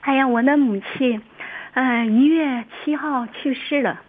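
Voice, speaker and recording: A woman's voice: high voice, a little slow. A woman, calling in by phone and telling a heartfelt, tearful story. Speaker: caller. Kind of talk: emotional phone-in conversation. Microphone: telephone. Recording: tinny phone line.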